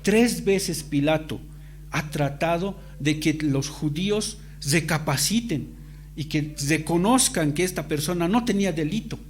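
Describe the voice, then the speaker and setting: A man delivers a sermon in a notably high voice. He presses his points with emphasis and stacks repeated phrases. A faint hum sits underneath. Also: unhurried. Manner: emphatic, dramatizes quoted dialogue. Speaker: preacher.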